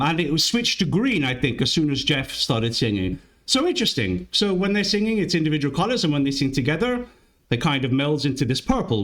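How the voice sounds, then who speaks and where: A native Italian speaker runs a music reaction channel, offering chatty, musing commentary and often restarting mid-sentence. His voice is mid-range with a fairly bright tone.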